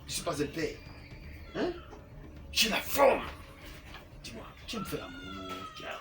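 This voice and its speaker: An actor playing a lecherous, manipulative middle-aged uncle, insistent and wheedling. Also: male voice, on the high side, huge pitch swings, takes it slowly, noisy background, full character voice. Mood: coaxing. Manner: insistent, wheedling, keeps tagging "hein?". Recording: distant mic with background music.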